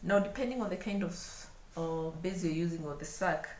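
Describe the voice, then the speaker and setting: A woman with a Kenyan accent giving an unscripted hands-on craft demonstration, speaking haltingly and repeating words as she works. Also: fairly low pitch, darkish tone. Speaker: craft tutorial host. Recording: echoey room, clear background noise.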